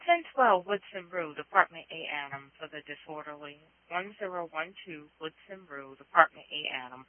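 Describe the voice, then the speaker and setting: A male police dispatcher on the police radio, reading addresses and codes in measured bursts. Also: fairly high pitch, lively intonation, no room sound. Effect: police radio transmission. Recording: tinny dry radio channel.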